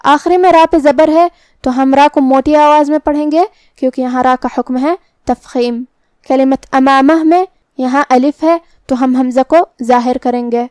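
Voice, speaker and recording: A woman teaching Quran recitation rules, explaining pronunciation slowly and carefully. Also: sits high, steady tone, darkish tone, no echo. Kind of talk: tajweed lesson, explaining then reciting.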